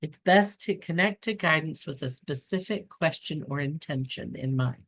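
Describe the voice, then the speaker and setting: A woman with a notably low voice reads aloud from a spiritual book. Her delivery is calm and unhurried, and she breaks in now and then with casual, chatty asides.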